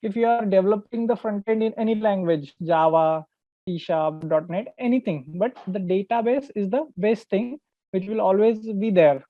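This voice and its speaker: A man's voice: high-pitched, normal speed, dry recording. Phone-like audio, Indian male trainer explaining. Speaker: database trainer. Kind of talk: explanatory online lesson. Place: online call with screen sharing. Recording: narrow phone-like call audio, dry.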